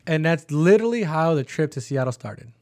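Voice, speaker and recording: A young man telling a story in a casual chat, animated and full of slang and swearing. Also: a little high, a little fast, dry recording, studio quality. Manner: animated, swearing, acts out quotes. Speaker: podcast co-host.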